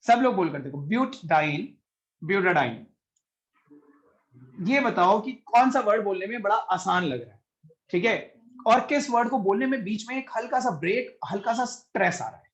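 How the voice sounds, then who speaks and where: A man's voice: high voice, lively intonation, a little fast. A man teaching a chemistry class online, patiently explaining and calling on students by name, mixing Hindi with English.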